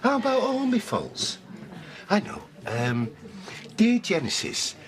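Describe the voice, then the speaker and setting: An actor playing a gruff, blunt father in a TV drama who mocks himself. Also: high voice, wildly swooping pitch, takes it slowly, heavily acted. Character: gruff middle-aged father, blunt and self-mocking. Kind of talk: TV soap drama.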